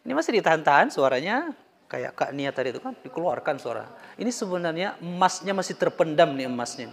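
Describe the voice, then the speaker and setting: A man's voice: a little high, sing-song, quick pace, vocal fry. A man teaching Quran letter pronunciation in a live class, drilling sounds aloud and joking with his students. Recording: echoey room, crowd behind. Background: students in the room.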